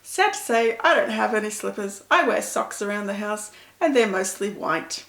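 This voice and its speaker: A woman's voice: mid-range voice, lively intonation, moderate pace, a bit bright, reverberant. A middle-aged woman, chatting to camera as an author answering reader questions in a self-deprecating, storytelling way. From Pakistan. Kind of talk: casual talk to camera.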